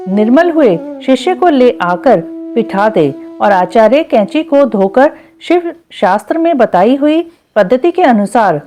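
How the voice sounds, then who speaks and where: Woman reading scripture slow and steady, kinda high voice, soft music way back. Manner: measured, chanting Sanskrit verses slowly. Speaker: scripture reader. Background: faint background music.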